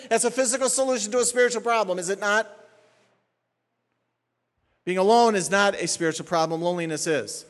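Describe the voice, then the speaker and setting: A high-voiced man preaches a sermon with a lively, dramatic delivery. He shifts from steady teaching into acted-out cries and prayers, and his voice carries a long hall reverb. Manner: animated, acts out prayers and complaints. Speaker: pastor.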